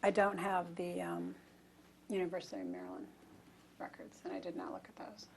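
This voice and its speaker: A woman testifying as a nurse expert witness, answering in a halting, matter-of-fact way. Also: lowish voice, big pitch swings. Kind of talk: deposition testimony. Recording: faint room noise.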